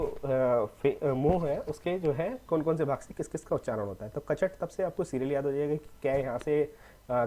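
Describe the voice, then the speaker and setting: A man's voice: medium pitch, darkish tone. A young man teaching a casual lesson, often checking in with "okay" and slipping in English words. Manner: repetitive, mixes in English words, frequent "theek hai".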